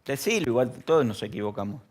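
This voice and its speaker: A man with a Rioplatense Spanish accent preaching a sermon in a church, talking casually, asking the congregation questions and acting out shouted lines. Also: medium pitch, expressive, fast, breathy edge. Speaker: pastor.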